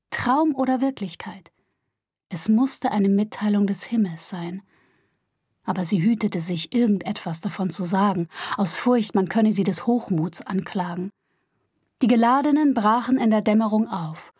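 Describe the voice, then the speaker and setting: Woman reading an old tale out loud, calm and even, kinda breathy, dry close sound. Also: mid-range voice, no room sound. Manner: calm, measured storytelling. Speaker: narrator. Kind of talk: scripted audiobook narration.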